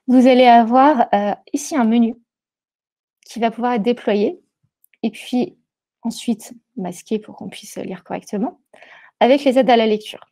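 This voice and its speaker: A woman leads a live online demo through an earpiece headset. Her voice is fairly high but mellow and soft-edged. She stops and restarts often and fills pauses as she talks. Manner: hesitant, many fillers and restarts. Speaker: presenter of a product webinar. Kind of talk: live webinar screen-share demo.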